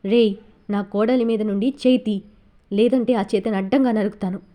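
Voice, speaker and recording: A woman's voice: mid-range voice, fairly even intonation, normal speed, natural voice. A woman reading Bhavani, a fierce older mother. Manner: sharp threatening.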